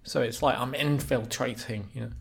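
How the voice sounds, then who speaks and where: A man co-hosting a casual podcast, talking in a dry, deadpan way as he reads out forum posts. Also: mid-range voice, normal speed, creaky. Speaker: podcast co-host.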